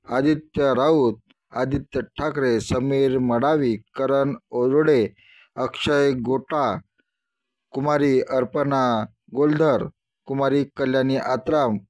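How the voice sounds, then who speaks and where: A man reading a scripted news report in a steady, formal read-out. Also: medium pitch. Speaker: news anchor.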